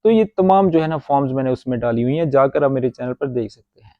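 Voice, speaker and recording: A man with a Pakistani accent teaching spoken Arabic in a casual Urdu lesson, explaining slowly and repeating words with chatty asides. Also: mid-range voice, animated, no echo, phone-quality sound. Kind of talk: informal language lesson.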